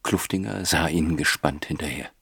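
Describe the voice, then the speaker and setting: A man reading an audiobook in a measured, wry storytelling manner. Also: very deep voice, gravelly, fairly bright tone, breathy edge, dry recording, studio quality. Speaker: audiobook narrator. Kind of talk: scripted narration.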